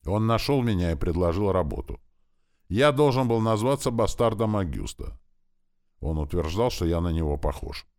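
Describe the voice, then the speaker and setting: A man's voice: low voice, expressive, moderate pace, a little mellow, pitched above the performer's own voice. A man voicing a frightened young male rebel leader who whines and begs. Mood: terrified. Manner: whining, begging, panicky.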